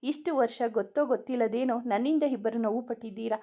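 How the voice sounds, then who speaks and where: A woman's voice: on the high side, quick pace. A woman reading the lines of a kind older father who comforts his daughter on her leaving. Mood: tender. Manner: soft, consoling. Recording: dull lo-fi recording.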